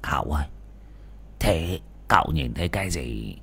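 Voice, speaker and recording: A man voicing a nosy, anxious old villager who asks questions in a hushed, nervous way. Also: very deep voice, lively intonation, moderate pace, creaky, husky, voice pushed down, full character voice. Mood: hushed worry.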